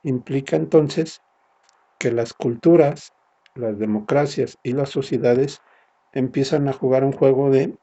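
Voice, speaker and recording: A man's voice: mid-range voice, creaky, dark tone, breathy edge, highs cut off. A man giving a recorded university lecture, explaining step by step and often ending points with a tag question. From Mexico.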